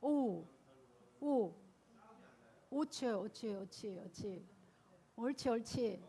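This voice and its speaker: A woman, a Buddhist nun, delivering a sermon with a somewhat high voice. She tells her stories in an animated, lively way. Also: extremely slow, husky. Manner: lively storytelling, animated and laughing. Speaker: Buddhist nun giving a dharma talk.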